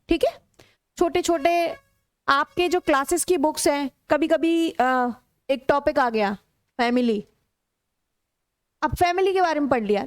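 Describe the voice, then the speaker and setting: High-voiced Indian woman teaching English. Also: no echo, clean studio sound. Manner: explains step by step, acts out sample sentences with lively intonation. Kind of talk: classroom lesson in Hindi with English examples.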